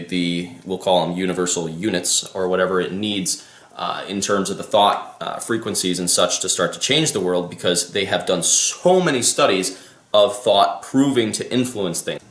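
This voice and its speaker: A man's voice: fairly low pitch, a bit bright, reverberant. A man vlogging his musings in a casual, rambling way, often losing his thread, restarting and swearing casually. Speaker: vlogger and life coach. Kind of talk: casual spoken musing to camera.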